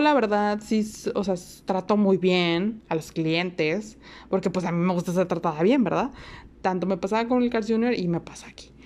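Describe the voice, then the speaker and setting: A young woman with a Mexican Spanish accent, telling a personal story to viewers in a chatty way, full of fillers and asides. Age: young adult. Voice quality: low flat everyday voice. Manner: chatty, animated, with many fillers and laughs. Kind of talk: casual anecdote to viewers.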